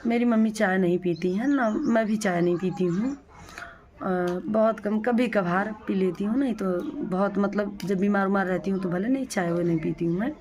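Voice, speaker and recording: A woman's voice: medium pitch, normal speed, darkish tone. A young adult woman casually telling her viewers a personal family story, in a plain, repetitive way with many restarts. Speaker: vlogger.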